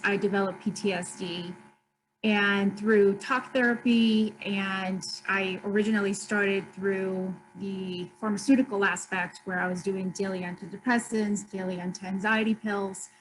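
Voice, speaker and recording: In a video call interview, a Colombian store owner, aged thirty to forty-something, speaks unhurriedly in a medium-pitched voice with fairly even intonation. She is open and earnest and describes difficult times steadily. There is a little hiss or hum on the rough recording.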